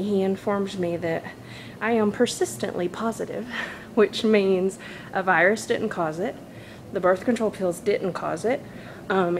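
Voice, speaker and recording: Woman vlogging on a walk, noisy background. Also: mid-range voice. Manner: talking while walking laps, slightly tired; chatty, informal. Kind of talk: casual personal vlog talk. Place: walking laps, phone recording.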